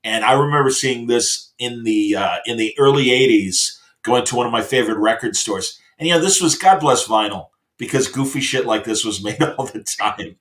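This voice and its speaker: Hosting his show, this middle-aged man keeps up a casual, enthusiastic chat that rambles, with frequent hesitations while he hunts for what to say next. He speaks at a moderate pace with few pauses, in a medium pitch with lively intonation and a slightly bright tone.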